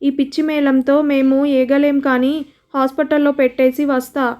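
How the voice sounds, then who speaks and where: Storybook: woman reading a harsh impatient grown son, high flat delivery. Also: moderate pace, natural voice. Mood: angry. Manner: harsh, complaining.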